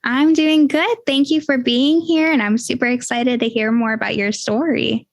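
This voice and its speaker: A woman's voice: fairly high pitch, fairly even intonation, normal speed, no room sound. A woman hosting a podcast interview, upbeat and chatty with lots of fillers. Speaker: podcast host.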